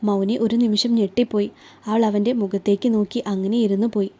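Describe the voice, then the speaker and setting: A woman narrating a romantic story in a calm, even storytelling manner. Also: mid-range voice, fairly quick. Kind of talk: scripted narration.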